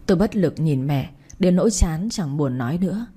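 A woman telling a first-person story in a steady, sombre narration. Her voice is low and mellow, with a soft, breathy quality. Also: normal speed.

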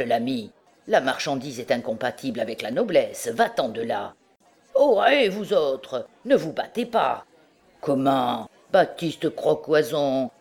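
A woman's voice: a bass voice, darkish tone. A woman voicing a rowdy, boastful drunken young male student in an audiobook, exclaiming and laughing. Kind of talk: audiobook character reading.

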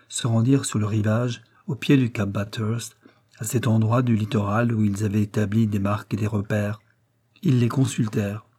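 A man reading a classic adventure novel aloud as an audiobook narrator, in a measured way, raising his voice for the characters' dialogue. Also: lowish voice, warm tone, slightly rough.

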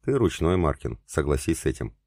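Audiobook role: cool, taunting older male commander, very low voice, read by a man. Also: big pitch swings, brisk, vocal fry, darkish tone, dry recording, clean studio sound, exaggerated voice. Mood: calm taunting.

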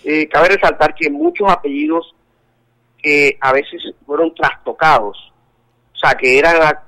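A Colombian man with a slightly high, sharp-toned voice is interviewed as a guest over the phone, talking at an unhurried pace. He speaks earnestly but often hesitates and repeats words while searching for them. The telephone line sounds tinny.

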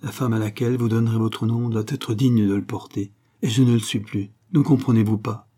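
A man's voice: fairly low pitch, steady tone, fairly quick, mellow, breathy edge. A man reading a novel aloud and voicing a fervent, pleading young pregnant woman. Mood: troubled. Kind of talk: audiobook reading.

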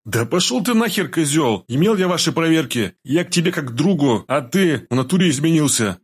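A man's voice: medium pitch, expressive, normal speed, husky, pitched above the performer's own voice. A man voicing a frantic, desperate captive. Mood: furious. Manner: raised, pleading then raging.

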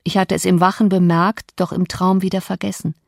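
A woman reading a classic novel as an audiobook narrator, measured and dramatic, on a close studio mic. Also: fairly low pitch, flat delivery, vocal fry, no echo.

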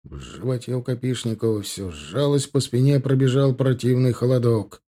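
A male audiobook narrator with a dark, mellow voice, telling a war story in a steady, measured way. The delivery is scripted and even, at middle pitch for a man.

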